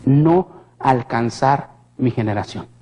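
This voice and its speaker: A man gives a dramatic personal testimony as a guest in church, a vivid storyteller who puts questions straight to his listeners. His voice is medium-pitched, slow, and mellow.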